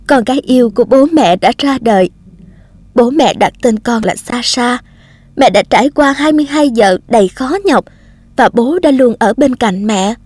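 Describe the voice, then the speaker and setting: A woman's voice: on the high side, dry recording. A woman voicing a loving young mother writing tender letters to her baby. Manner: tender, softly reading out letters.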